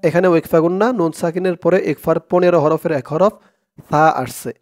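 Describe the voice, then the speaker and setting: A man teaching Quran reading step by step, drawing out each recited word slowly and then dropping into quicker, quieter spoken explanations. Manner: slow drawn-out recitation alternating with quick low spoken explanations.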